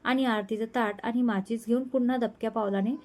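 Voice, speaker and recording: A woman storyteller narrating a romance serial in a gentle, even manner. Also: fairly high pitch, brisk.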